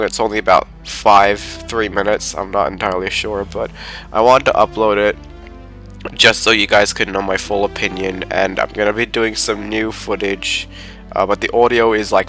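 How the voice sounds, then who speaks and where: A man's voice: fairly low pitch, a bit bright. A man with a stuffy, congested voice, recovering from a fever, giving a casual and hesitant channel update. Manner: casual, hesitant with many uhs. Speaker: YouTube game reviewer.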